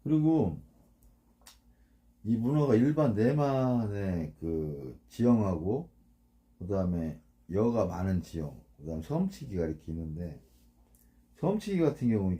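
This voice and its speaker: Blunt, lively-voiced man, dark tone. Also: deep voice, moderate pace. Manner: blunt, colloquial, keeps asking "응?" for agreement. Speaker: fishing boat captain. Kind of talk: casual instructional talk.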